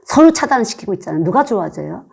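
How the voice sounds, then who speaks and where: Older woman, missionary preacher; earnest conversational sermon delivery, warm dark tone with some fry. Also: mid-range voice, very animated, fast. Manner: earnest, conversational preaching full of rhetorical questions.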